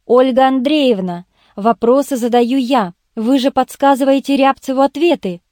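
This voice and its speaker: A woman's voice: sits high, normal speed, dark tone, no room sound, clean studio sound, natural voice. A woman reading the lines of a blunt male journalist questioning a suspect in an audiobook. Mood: interrogating. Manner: harsh, interrogating.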